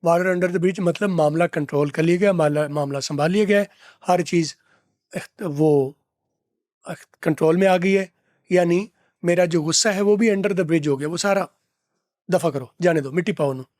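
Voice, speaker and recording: A man teaching English from film dialogue, repeating phrases slowly to drill pronunciation. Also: on the high side, a little mellow, no echo, studio quality. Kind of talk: lesson explaining film dialogue.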